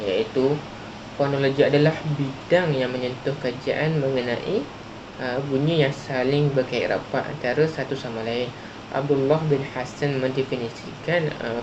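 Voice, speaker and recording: A man with a Malaysian Malay accent reading out an academic presentation carefully and haltingly, like a student presenter. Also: medium pitch. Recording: muffled lo-fi, loud hum.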